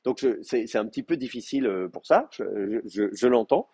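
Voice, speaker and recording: A man's voice: mid-range voice, lively intonation, brisk, mellow, breathy edge. A man lecturing a Hebrew class, explaining patiently with many fillers and restarts. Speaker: Hebrew teacher. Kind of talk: university lecture.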